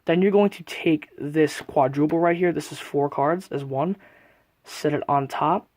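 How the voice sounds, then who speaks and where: A man's voice: fairly high pitch, measured pace, darkish tone, no room sound. A man giving a casual, methodical step-by-step card trick tutorial, often recapping as he goes. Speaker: magic tutorial presenter.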